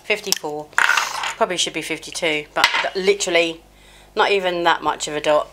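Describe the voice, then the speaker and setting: Very noisy audio captures a middle-aged beauty vlogger speaking fairly quickly in a fairly low, steady voice, slightly chesty with a cold. While doing her makeup at home she keeps up a rambling, self-mocking get-ready-with-me chat, scattered and full of fillers. Her small clipped mic is sometimes covered.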